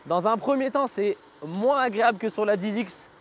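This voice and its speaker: Riding outdoors through city streets, this vlogger reviews an electric scooter at a moderate pace. His voice sits high, and his commentary is casual and slangy, like he's thinking out loud on the move.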